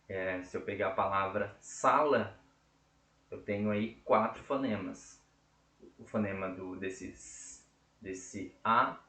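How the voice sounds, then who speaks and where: A man's voice: mid-range voice, a bit bright. A man teaching a casual lesson, explaining step by step and checking in often with his listeners. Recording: echoey room.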